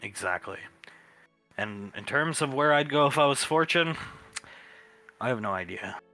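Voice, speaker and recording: Man playing a sharp-voiced, wry commanding officer. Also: mid-range voice, lively intonation, moderate pace, faint music behind. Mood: considering, blunt. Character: commanding, wry military officer briefing his squad.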